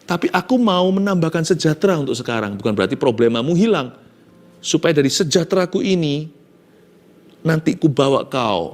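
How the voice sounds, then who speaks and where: Man, pastor, Indonesian accent, sermon, fairly high pitch, dramatic storytelling. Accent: Indonesian, mixes in English phrases. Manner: dramatic storytelling, swings between loud and hushed, acts out voices.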